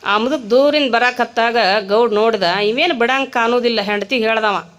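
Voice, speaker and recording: A woman's voice: a little high, moderate pace, fairly bright tone, lo-fi sound. A woman preacher with a North Karnataka accent, telling a comic story in a sermon and animating each character. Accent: North Karnataka Kannada.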